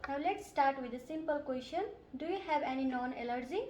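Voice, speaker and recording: A woman's voice: high-pitched, a little fast, darkish tone, a little hiss or hum. A woman from Nepal, playing a nurse and asking polite, methodical questions in a scripted health assessment role-play. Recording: roomy echo.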